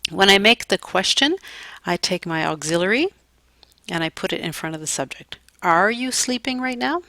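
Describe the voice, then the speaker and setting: A woman teaching an English grammar lesson, explaining clearly and deliberately, with dry little jokes. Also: medium pitch, animated, sharp tone, no room sound.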